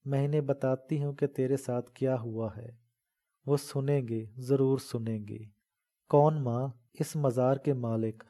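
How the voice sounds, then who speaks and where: A man's voice: mid-range voice, dark tone, close to an everyday voice. A man voicing a fierce, protective old village mother in a dramatic audiobook reading, talking fervently and scolding. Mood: tender pleading.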